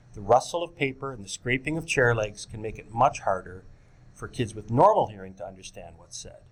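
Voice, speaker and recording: A man giving scripted instructional narration for teachers, speaking directly to them as folks. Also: medium pitch. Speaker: presenter of a teacher training video.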